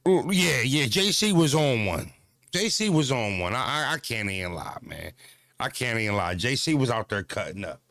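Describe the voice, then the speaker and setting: Very animated at a normal speed, a man in his thirties with a medium-pitched, slightly bright voice talks casually to camera after working out at the gym. He covers battle rap and self-care in a loose, profane style full of "you know what I mean," recorded clean in a studio with no room sound.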